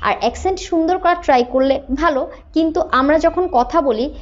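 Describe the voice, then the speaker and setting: A woman from Bangladesh, an English teacher, explaining patiently and slowing down to model sentences. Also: high voice, muffled recording. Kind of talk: explanatory lesson.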